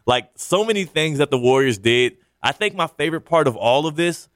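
A man's voice: a little high, lively intonation, fairly quick, no room sound. A man co-hosting a sports talk radio show, talking emphatically with playful trash talk in a radio studio.

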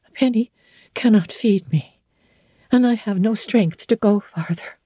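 A woman's voice: medium pitch, a little slow, mellow, no room sound, clean studio sound, lightly acted. A woman voicing a desperate, exhausted young woman wanderer, pleading and faltering as she speaks.

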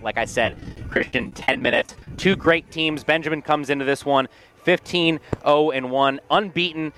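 A man hosting a live high school sports broadcast from a school field, chatting energetically with many fillers. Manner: energetic, filler-heavy play-by-play chat. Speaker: radio sports host.

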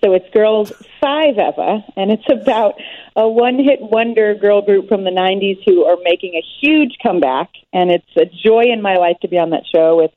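A woman's voice: mid-range voice, moderate pace. Woman talking over a tinny phone line. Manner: enthusiastic, friendly, laughs easily. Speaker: guest performer. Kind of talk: casual interview chat.

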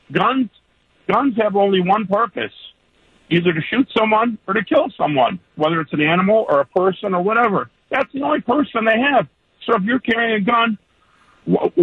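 A man's voice: high voice, breathy edge, no room sound. A man calling into a radio talk show over the phone, speaking in an emphatic, indignant way. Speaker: caller. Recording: dull phone-line audio.

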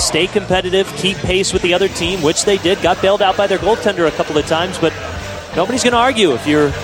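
A man giving live hockey analysis as a colour commentator. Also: high-pitched.

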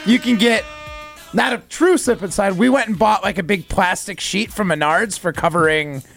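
A man's voice: high voice, normal speed, gravelly, a bit bright, faint music behind. A man telling a rambling, laid-back story on a radio show.

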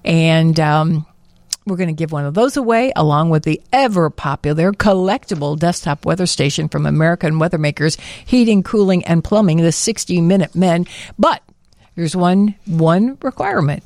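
A woman's voice: on the low side, expressive, moderate pace, a little mellow, no echo, clean studio sound. A woman co-hosting a late-night radio show, reading giveaways and chatting with callers. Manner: breezy, reads promos. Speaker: radio co-host. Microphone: studio microphone.

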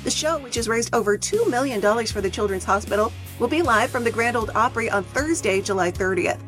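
An American woman presents scripted music news on the radio. Her voice sits a little high, with a music bed clearly audible under her. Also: lively intonation, quick pace, fairly bright tone.

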